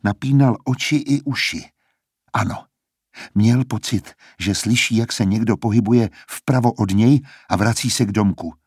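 Husky low-voiced male storyteller. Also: no echo, clean studio sound. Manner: steady, measured storytelling. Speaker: narrator. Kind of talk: audiobook narration.

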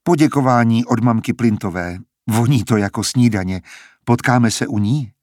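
A man narrating an audiobook in a measured, even storytelling manner. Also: lowish voice, husky, no echo, clean studio sound. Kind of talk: scripted narration.

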